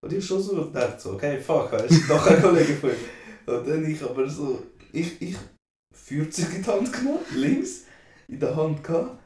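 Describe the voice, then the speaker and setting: A young man with a Swiss German accent tells a story in slangy casual chat and keeps asking for agreement. His voice is mellow and slightly high, picked up from a distance in an echoey room. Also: sing-song, normal speed. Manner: slangy, peppered with tag questions. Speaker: podcast co-host.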